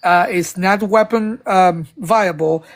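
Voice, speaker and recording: A panel speaker with a high-pitched voice talks slowly while making a political case live. The discussion is casual, and he rambles, often stumbling and restarting, with occasional bursts of emphasis.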